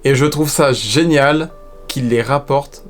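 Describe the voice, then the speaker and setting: A man in a relaxed vlog, rattling through a roundup of announcements with open enthusiasm. He stacks admiring words one after another and slips into casual slang between the more measured bits. His pitch sits at an ordinary male middle. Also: faint music behind. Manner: enthusiastic, piles up admiring adjectives; informal slangy asides. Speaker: theme park news vlogger. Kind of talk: casual news roundup commentary.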